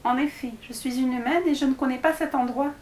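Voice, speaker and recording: A woman voicing an eager, excited little girl with a high voice, recorded in an echoey room. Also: fairly quick, slight background noise, natural voice.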